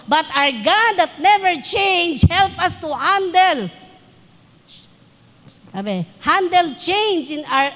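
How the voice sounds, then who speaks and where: A Filipino woman pastor preaches a church sermon in a high, slightly bright voice, switching between Tagalog and English. She shares personal anecdotes with laughs along the way. The recording carries a long hall reverb.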